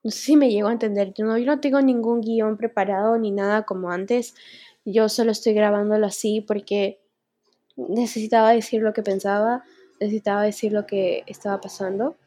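Young woman, unscripted personal vlog, candid, emotional, husky, warm tone. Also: medium pitch, fairly even intonation, normal speed. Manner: candid, emotional, near tears at times. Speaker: vlogger.

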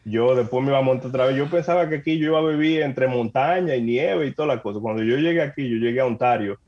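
A man from the Dominican Republic with a Dominican accent, a podcast guest telling lively stories, acting out quoted dialogue and laughing often. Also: mid-range voice, fast, muffled recording, a little hiss or hum. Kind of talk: lively storytelling in a casual chat.

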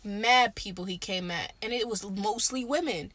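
A woman's voice: medium pitch, moderate pace, a bit bright, dry recording. A woman co-hosting a casual podcast chat, speaking in a blunt, emphatic and slangy way with plenty of swearing. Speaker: podcast co-host.

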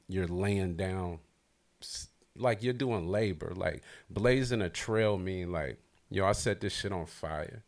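Man, podcast host, casual hip-hop chat, slangy and hyped, lowish voice. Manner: loose, hyped, talkative with slang. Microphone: livestream podcast setup.

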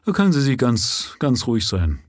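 A man voicing an excitable, gruff police constable with a husky voice in a live-read story. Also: mid-range voice, normal speed, dry recording, studio quality, voice pushed up. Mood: indignant. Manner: agitated, raised and indignant.

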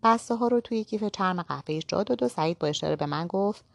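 A woman narrating a novel aloud in the first person, in a steady storytelling manner. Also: mid-range voice, vocal fry, dry recording.

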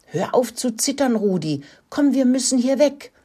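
A woman's voice: a little high, lively intonation, moderate pace, dark tone, breathy edge, pitched above the performer's own voice. A woman voicing a caring father mouse who patiently teaches the young ones. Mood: urgent.

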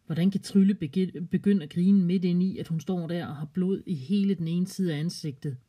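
Mellow, husky children's storyteller. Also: mid-range voice.

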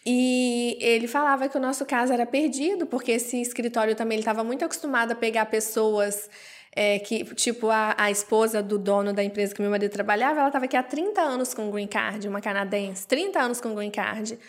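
A woman with a Brazilian Portuguese accent, telling a personal story as an interview guest and acting out the voices she quotes. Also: fairly quick. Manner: animated, acts out quoted voices with jumps in pitch.

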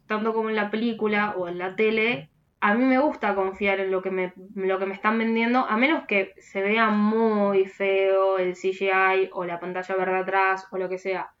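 Rioplatense woman, podcast co-host, casual rambling delivery, mid pitch, slightly muffled audio. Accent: Rioplatense Spanish. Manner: rambling, restarts, trails off into soft asides. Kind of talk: casual chat.

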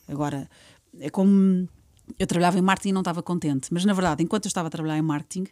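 A quick-talking woman with a European Portuguese accent, a guest telling stories in casual chat. She acts out quoted lines with lively energy. The sound is dry and close, with no room echo. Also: fairly low pitch. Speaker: podcast guest.

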